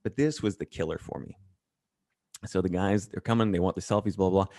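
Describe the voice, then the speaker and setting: A man talking as an interview guest, blunt and profane, telling animated stories in a casual chat. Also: deep voice, brisk, no room sound, clean studio sound.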